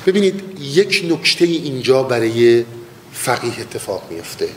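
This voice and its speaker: A man teaching mystical poetry, chanting lines slowly and then explaining them in quick casual talk. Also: big pitch swings. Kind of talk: spoken lesson with slow verse recitation. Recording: long hall reverb, faint rumble.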